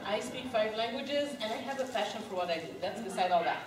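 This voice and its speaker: A woman's voice: on the high side, moderate pace, very noisy. A woman from Egypt leading a live goal-setting workshop at a conference, chatty and laughing, asking the audience questions. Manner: lively, laughing, quizzes the audience. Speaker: workshop speaker. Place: conference room. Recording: echoey room, recorded from far.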